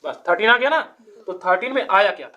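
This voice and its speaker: A woman's voice: medium pitch, expressive, fast, bright, forceful tone, lo-fi sound. A woman teaching a child to count, patiently asking quiz questions and counting numbers aloud step by step.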